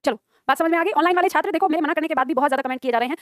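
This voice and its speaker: Rapid, high-pitched woman teaching grammar. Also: dry recording, clean studio sound. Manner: brisk, asks the class questions and answers them herself; teasing scolding asides to students. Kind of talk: classroom lecture, also streamed online. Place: classroom with students present.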